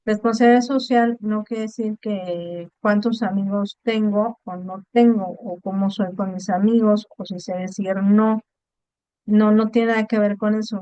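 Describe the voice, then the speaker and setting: A woman's voice: medium pitch, mellow, smooth, dry recording, lo-fi sound. A woman teaching an online class, explaining patiently and checking in with her students often. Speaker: online course tutor. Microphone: video call.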